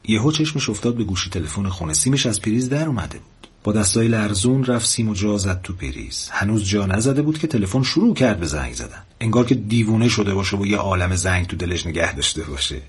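A man hosting a show and telling a story, gentle and expressive in his narration. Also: fairly low pitch, few pauses, breathy edge. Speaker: storyteller host.

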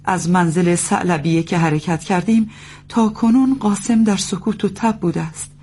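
A woman's voice: on the low side, warm tone, slightly rough. A woman playing a worried mother nursing her feverish son, who speaks in a pleading, formal way.

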